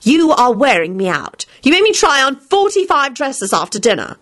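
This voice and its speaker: A woman's voice: high-pitched, big pitch swings, moderate pace, fairly bright tone, voice pushed up. A woman reader voicing a firm, somewhat weary young woman who speaks in a prim, no-nonsense way.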